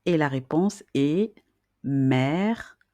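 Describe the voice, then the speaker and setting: A woman's voice: sits low, animated, drawn-out words, warm tone, no echo. A woman teaching beginners to read and write, speaking patiently, repeating each question and checking in with the listener. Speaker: reading and writing teacher. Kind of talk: slow, patient lesson.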